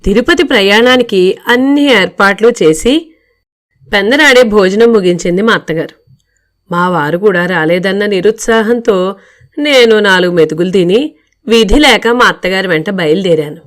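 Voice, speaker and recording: A woman reading a humorous story aloud with lively, wry narration. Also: mid-range voice, moderate pace.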